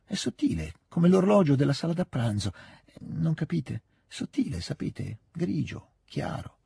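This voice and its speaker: A man with a husky voice voicing a lively, teasing young noble girl in a literary reading. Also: fairly high pitch, unhurried, no room sound, voice pushed up, full character voice. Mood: playful. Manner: playful, insistent, coaxing.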